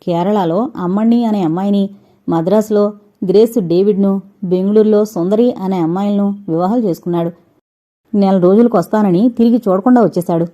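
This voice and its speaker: A woman voicing a stern male police constable who speaks curtly and flatly. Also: medium pitch, brisk, dull audio, natural voice. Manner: curt, matter-of-fact.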